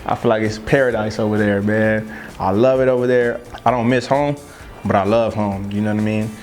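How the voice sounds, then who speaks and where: A man's voice: fairly low pitch, steady tone, brisk, darkish tone, soft background music. A young man from Southern California, a football player, talking loosely in an interview and filling his speech with "you know what I mean". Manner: loose, rambling, filler-heavy. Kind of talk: casual interview talk.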